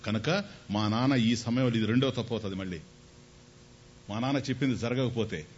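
Animated male spiritual lecturer. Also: husky. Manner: animated storytelling, voicing figures, rhetorical questions. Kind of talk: Telugu discourse on scripture. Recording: slightly dull recording with faint rumble.

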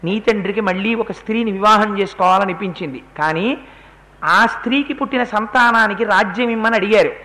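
Speaking briskly and with a high-set voice, a man recounts an epic during a religious discourse. His telling is lively, and he voices the characters' dialogue as he goes.

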